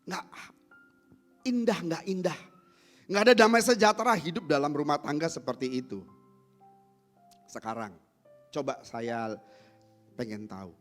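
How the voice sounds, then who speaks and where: A man preaching a sermon to a congregation, swinging from loud emphatic lines to low soft asides and acting out little family quarrels. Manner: acts out everyday family quarrels to make points. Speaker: pastor. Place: church service.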